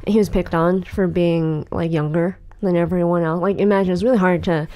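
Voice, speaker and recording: A woman's voice: fairly low pitch, steady tone, brisk, warm tone. A woman in her late twenties co-hosting a podcast, talking casually with lots of fillers and restarts. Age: 20s. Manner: rambling, filler-heavy. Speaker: podcast co-host. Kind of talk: casual chat.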